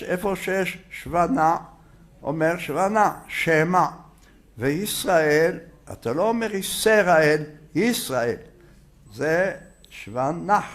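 A man teaching a religious lesson, sounding out letters and repeating words for emphasis. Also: sits high. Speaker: rabbi teaching a Torah lesson.

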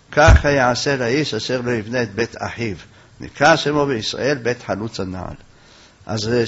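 A man giving a Torah lecture as a rabbi, telling stories with animation and rising loud for quoted lines. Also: mid-range voice, husky. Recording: dull lo-fi recording.

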